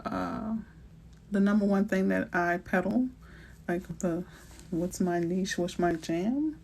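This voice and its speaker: A middle-aged woman with a New Orleans accent, from New Orleans, Louisiana, runs an easygoing live Q&A as a realtor, bantering with slang and asides. Her lowish, slightly mellow voice moves slowly over slight background noise.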